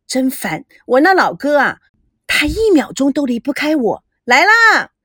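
A woman's voice: sits high, normal speed, no room sound, studio quality. A woman playing a bubbly spoiled teenage granddaughter. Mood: excited chatty. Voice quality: bright, coaxing, lively.

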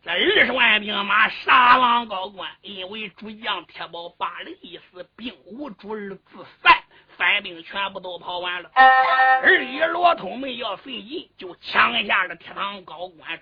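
High-voiced male traditional storyteller. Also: unhurried, faint music behind. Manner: animated, folksy asides. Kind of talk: traditional storytelling with musical accompaniment. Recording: dull lo-fi recording with faint fiddle.

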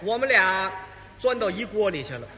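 A man's voice: sits high, very animated, normal speed, sharp tone, big-room sound, slight background noise. A man, telling a teasing comic story in a live crosstalk routine. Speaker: lead crosstalk comedian.

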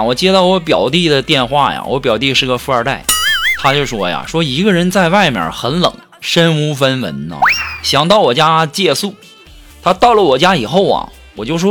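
Lively man telling jokes. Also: fairly high pitch. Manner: chatty storytelling that switches into voices for jokes. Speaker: comedian. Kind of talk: comic monologue. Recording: music playing behind.

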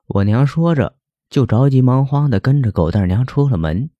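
A man's voice: mid-range voice, expressive, moderate pace, no room sound, lo-fi sound. A man narrating a folk ghost story in a plain, conversational way.

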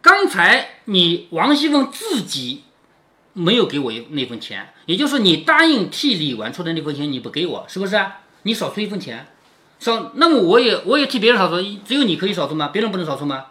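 A man's voice: high-pitched, sing-song, brisk, sharp tone. A man reading a classic novel aloud to his daughter and explaining it, often asking "isn't it?". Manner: keeps asking rhetorical "isn't it?".

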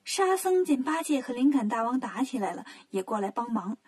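Breathy, fairly high-voiced woman storyteller. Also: very animated, brisk, darkish tone. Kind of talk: children's storytelling.

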